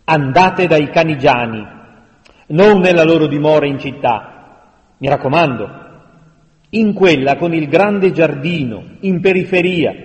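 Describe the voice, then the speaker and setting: A man's voice: fairly high pitch, a little mellow. Brief: commanding male leader in a storybook, urgent, pressing, echoey room, as the narrator plays him. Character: urgent male city leader sending people away. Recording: long reverberant room sound.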